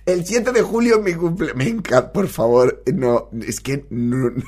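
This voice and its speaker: A man with a Spain accent hosting a comedy podcast, commenting on TV clips in a casual, animated way and laughing often. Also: on the high side, moderate pace, slightly rough. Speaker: podcast host.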